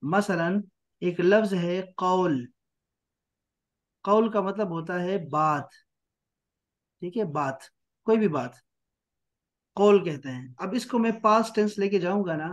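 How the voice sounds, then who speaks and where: A man teaching an online Arabic grammar class, patiently repeating key terms slowly. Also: high-pitched, lively intonation. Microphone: online class mic.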